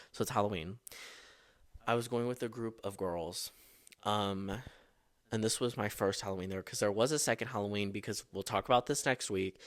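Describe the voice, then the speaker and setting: A young man hosts his own podcast and tells school stories with over-the-top drama and lots of swearing. His voice sits fairly low and sounds close and dry, with no room around it. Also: no echo. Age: young adult. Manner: dramatic, profane, animated storytelling. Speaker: podcast host. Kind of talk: casual storytelling.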